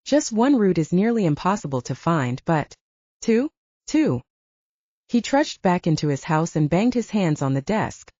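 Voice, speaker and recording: A woman narrating an audiobook in an expressive storytelling way. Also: lowish voice, no room sound. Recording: dull lo-fi.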